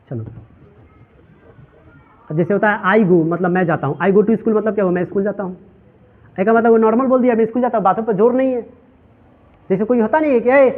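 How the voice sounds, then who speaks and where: High-voiced man teaching, tinny sound. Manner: drills students with repeated questions; mixes Hindi and English. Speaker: English teacher. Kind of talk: classroom translation lesson.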